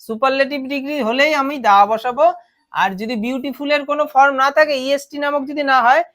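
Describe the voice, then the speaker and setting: Fairly high-voiced woman w/ bengali accent teaching grammar, explains step by step, asks the class lots of questions. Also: fairly even intonation, brisk, fairly bright tone. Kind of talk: classroom lesson.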